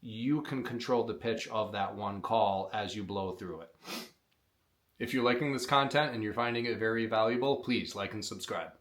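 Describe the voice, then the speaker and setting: Speaking at a moderate pace in a lowish, slightly bright voice, a call maker teaches predator calling to beginners on camera. He walks through how to blow a hunting call step by step, keeping his explanation plain and simple.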